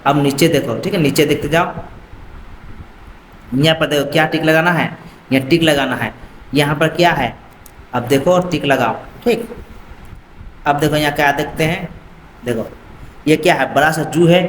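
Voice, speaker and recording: A man's voice: on the high side, moderate pace, pauses often, fairly bright tone, a little hiss or hum. A man teaching a school lesson, mixing Hindi and English and repeating a checking phrase often. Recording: echoey room with faint ambience.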